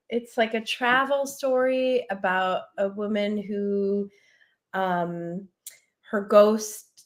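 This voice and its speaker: Reading aloud from prose she wrote herself, a female author speaks over a video call in a mid-range voice. She's soft-spoken and takes her time, tossing in the occasional casual aside.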